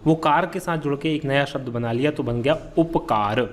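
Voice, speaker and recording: A man's voice: a little high, moderate pace. A man teaching a grammar lesson for exam preparation, patiently repeating key terms and asking and answering his own questions. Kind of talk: exam-prep lesson explaining quiz answers.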